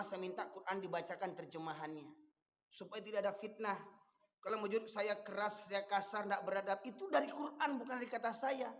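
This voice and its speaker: A man with a Minangkabau accent preaching a fiery sermon, forceful, rising to shouts and firing rhetorical questions. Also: high voice. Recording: long reverb from a large hall.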